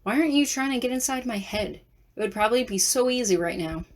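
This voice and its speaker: A woman voicing a bold, perceptive young woman interpreter in a fan fiction audiobook, speaking softly and deliberately in a coaxing way. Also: a little high, animated, voice pushed up, lightly acted.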